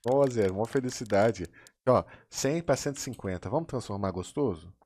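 A man with a Brazilian Portuguese accent, a gaming streamer giving casual case-opening commentary, excitable and full of slang, jumping into high squeals when he wins. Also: moderate pace, no echo, clean studio sound. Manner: excitable, slangy, hyping himself up.

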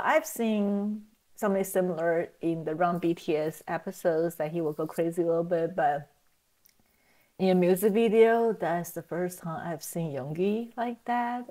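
Slow-paced woman, excitable reaction host. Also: medium pitch, poor audio. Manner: effusive, excitable, gasps and laughs often. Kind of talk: casual music video reaction. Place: small room at home, indoors.

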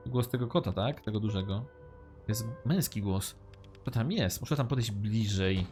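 A man's voice: lowish voice, normal speed, darkish tone, faint music behind. A man giving casual, joking commentary while playing a game, reading its lines aloud. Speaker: let's-play gamer.

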